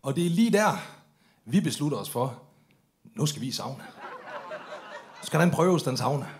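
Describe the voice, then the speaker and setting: A man's voice: fairly high pitch, lively intonation. A man performing a stand-up story on stage, swearing freely and acting out the drunk voices of the people in it. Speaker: comedian telling a story on stage.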